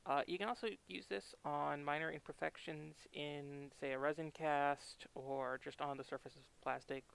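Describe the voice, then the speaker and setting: Man muffled behind a respirator, creaky voice. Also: a little high, fairly even intonation, moderate pace, a bit bright. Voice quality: muffled, speaking through a respirator mask. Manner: informal, hesitant, talking while working. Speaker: host of a hobby tutorial stream. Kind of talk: casual hands-on tutorial.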